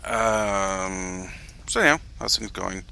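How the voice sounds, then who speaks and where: A man's voice: deep voice, very slow, vocal fry, over loud music. A man casually commenting while he plays a game on a live stream, rambling and self-deprecating, often trailing off mid-sentence. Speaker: gameplay streamer.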